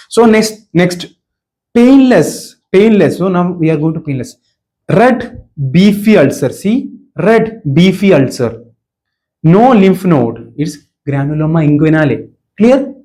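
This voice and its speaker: Male medical exam tutor, Malayali accent, native Malayalam. Slightly high pitch, dark relaxed timbre, informal lecture delivery that hammers key words with frequent check-ins. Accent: Malayali Indian. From Kerala, India. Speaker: medical exam coaching teacher.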